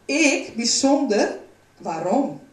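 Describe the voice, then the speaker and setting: A woman's voice: high-pitched, very animated, slow, voice pushed up, heavily acted. A small wooden boy, timid and unsure of himself, pleads in a raised, anxious voice, as a woman reading a storybook puts him on. The sound is roomy and heard from a little way off the mic. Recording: roomy, from a distance.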